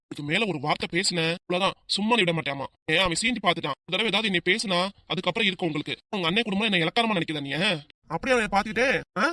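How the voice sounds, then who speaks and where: A woman's voice: fairly low pitch, rapid-fire, no room sound, clean studio sound. Woman voicing an angry hot-tempered father. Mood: furious. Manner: scolding, shouting threats. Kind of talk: cartoon voice acting.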